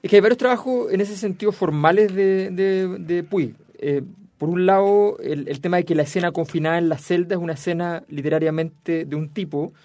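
A man's voice: sits high, steady tone, brisk, dry recording. A man in casual literary discussion, explaining a novel's formal devices and reading a passage aloud. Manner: reads a dialogue passage aloud softly. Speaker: book club discussant.

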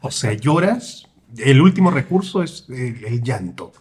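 A man's voice: mid-range voice, animated, measured pace, a little mellow, husky. A man hosting a podcast, teasing and joking in casual banter. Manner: teasing, jokey. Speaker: host.

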